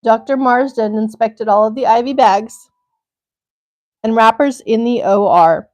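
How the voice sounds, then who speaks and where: Brief: young woman, slightly high voice, livestream host, reads a crime article steadily and breaks off with blunt asides. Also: measured pace, darkish tone, lo-fi sound. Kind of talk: reading aloud with personal asides.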